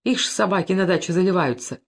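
A gruff, sullen soldier, read by a woman, terse and plainspoken in his folk speech. He is a man of few words in a storybook reading. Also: lowish voice, lively intonation, fast. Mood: anxious.

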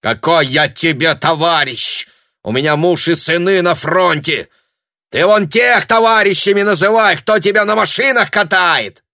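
A man doing a shrill scolding market woman. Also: unhurried, pushed and bright, no room sound, studio quality, exaggerated voice. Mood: shrieking. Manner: piercing, scolding, abusive. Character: shrill sharp-nosed older woman with shopping bag.

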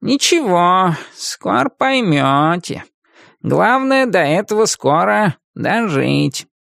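A woman's voice: a little high, sing-song, vocal fry, no room sound, studio quality, pitched above the performer's own voice, heavily acted. Woman doing a drawling sardonic talking cat. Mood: dry, ironic. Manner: slow, drawling and dryly ironic. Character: sardonic talking male cat, world-weary and ironic.

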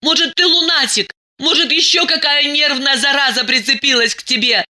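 A woman doing a shrill, hysterical jealous woman. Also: steady tone, moderate pace, pushed and bright. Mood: accusing. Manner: shrieking, accusing. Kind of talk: dramatic audiobook reading.

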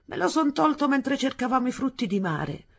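A proud, possessive father, smug and sarcastic, speaking sternly with a slightly husky edge, as a woman reads him aloud in a storybook. He sounds self-satisfied and talks down to the listener. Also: high-pitched, sing-song, normal speed, pitched above the performer's own voice, full character voice. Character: proud, arrogant grown father, teasing and possessive.

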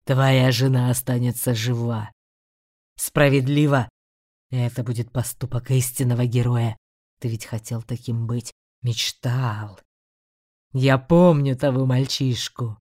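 Woman voicing a slow, growling ancient demon. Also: very deep voice, fairly even intonation, a little mellow, no room sound, studio quality, voice pushed down. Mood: taunting. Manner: slow, drawn-out growling delivery. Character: menacing ancient male demon beast, mocking. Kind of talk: audiobook character voice.

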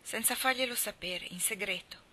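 A woman reading aloud voices a gentle, thoughtful older man who speaks in calm, measured tones. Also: medium pitch, slight background noise, lightly acted.

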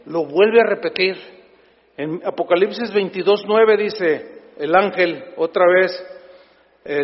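A Mexican pastor preaches in a high-pitched voice, emphatic and playful, often turning to address his listeners directly. His voice sounds dull and echoes with a long tail around a church hall. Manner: emphatic, humorous preaching that keeps addressing the congregation. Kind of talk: sermon.

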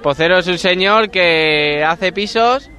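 A young man queuing for a flat, explaining plainly in a street interview. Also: sits high, slow pace.

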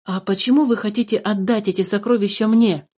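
A woman's voice: mid-range voice, steady tone, fairly quick, darkish tone, husky, natural voice. A woman voicing a polite, honest young boy in a storybook reading, earnest and courteous.

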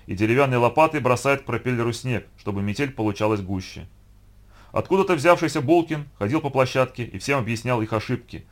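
A man narrating a first-person story in a steady, even storytelling voice. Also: mid-range voice. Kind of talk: audiobook reading of first-person prose.

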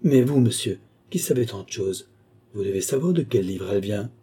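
A man reading the part of an eager, ardent young peasant with earnest, excited pleading. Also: fairly low pitch, moderate pace, husky.

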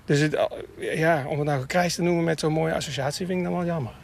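A man's voice: fairly high pitch, steady tone, fast talker, gravelly. A man chatting casually and enthusiastically outdoors for radio, explaining bird calls. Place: outdoors, near water in a town. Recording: outdoor field recording with background noise. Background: gulls calling.

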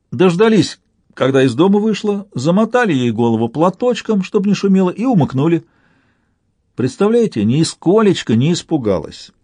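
A man playing a decorated old veteran spinning a wartime yarn, steady and wry, his pitch rising and dipping with the tale. The husky reading is close and dry. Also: no echo.

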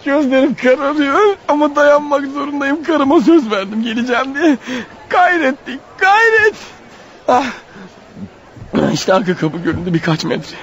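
In a muffled radio drama recording with music underneath, an actor plays a desperate, wounded fugitive racing to his wife. His extremely high, fairly bright voice is lively in intonation at normal speed, and his inner monologue is urgent and breathless, panicked and straining as he mutters to himself in exhaustion.

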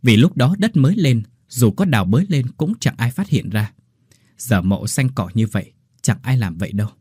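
A man voicing an elderly village ritual master who speaks in a measured, solemn way. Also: medium pitch, expressive, darkish tone, husky, no echo, clean studio sound.

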